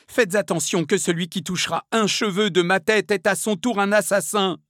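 A man voicing a cornered young noblewoman villain, shrill and pleading in a storybook reading. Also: normal speed, breathy edge, no room sound, studio quality, natural voice. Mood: defiant, furious.

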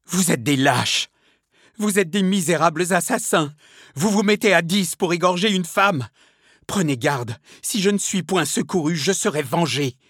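A man voicing a cornered young noblewoman villain, shrill and pleading in a storybook reading. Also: normal speed, slightly rough, no echo, clean studio sound, natural voice. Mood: defiant, furious.

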